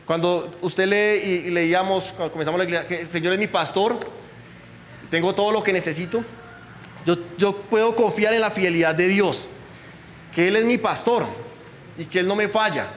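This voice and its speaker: A man's voice: sits high, normal speed, a bit bright, big-room sound, slight background noise. Male pastor, chatty sermon full of questions, faint room ambience. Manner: conversational preaching, asks the congregation questions. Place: church.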